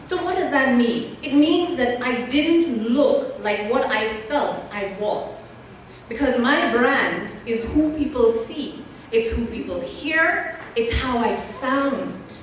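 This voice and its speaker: In a large, echoey church, a woman with a fairly high voice gives young people a motivational talk, telling stories conversationally and speaking to them directly. She was born in Nairobi, Kenya, was partly raised abroad, and is there as a guest speaker and mentor. The recording is very echoey, with a distant mic and faint noise.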